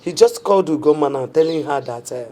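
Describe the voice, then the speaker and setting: Nigerian mum, scolding and comforting, lively up and down voice. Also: female voice, deep voice, brisk, slight background noise. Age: middle-aged. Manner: consoling, reproachful. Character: sympathetic middle-aged mother and wife, reproachful. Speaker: mother. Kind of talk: film drama acting.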